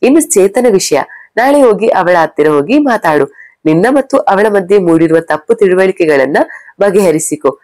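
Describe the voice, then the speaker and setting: A kind, wise aunt from a storybook, calm and advising, as a woman narrator puts her on. Her voice sits at an ordinary middle pitch. It is recorded dry and close. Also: normal speed, no echo, close to an everyday voice.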